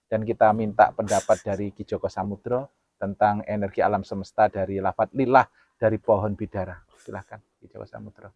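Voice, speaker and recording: A man hosting a talk show, addressing viewers earnestly and solemnly, his voice swinging between loud emphasis and soft asides. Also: lowish voice, little pitch movement, a little fast, dry recording, lo-fi sound. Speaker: host.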